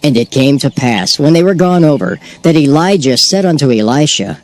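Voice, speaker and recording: A man narrating a dramatized scripture reading in a measured, solemn storytelling manner. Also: fairly high pitch, animated, dry recording. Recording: narration over background music.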